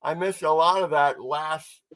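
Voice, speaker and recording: A man's voice: fairly high pitch, unhurried, crowd noise. A man co-hosting a casual sports podcast, talking with mumbled articulation as if he had marbles in his mouth.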